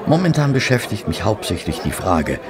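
Here a man with a lowish voice performs Dr Watson in a German radio drama, both narrating and speaking as the character, a war-worn, regretful army doctor. His pitch swings widely at a moderate tempo, and the mood is friendly, rueful and courteous. A restaurant crowd hums behind him.

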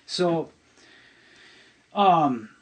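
On a podcast, a middle-aged man shares a personal testimony, earnest and halting, frequently restarting and repeating words. His voice is a little high and animated.

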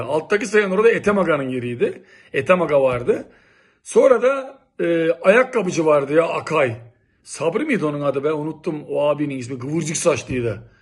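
A middle-aged man from Turkey telling old local stories in a lively, exclamatory, casual way. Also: fairly high pitch, husky. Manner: animated, exclamatory, lively storytelling. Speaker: local vlogger reminiscing. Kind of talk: casual nostalgic monologue.

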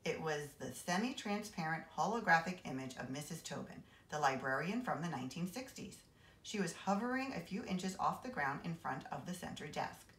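A woman reads a children's novel aloud with expressive, animated delivery. Her voice sits low but swings widely in pitch, and the room around her is roomy and echoing. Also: moderate pace. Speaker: assistant principal reading aloud. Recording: roomy echo.

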